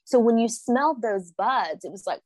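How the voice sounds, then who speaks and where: A woman's voice: on the high side, normal speed, no echo. This is a woman from Oklahoma chatting as a podcast guest. She tells stories with energy and slips into voices for the people she quotes. The sound is dry and close to the mic. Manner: animated storyteller, acts out quotes. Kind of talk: casual podcast chat.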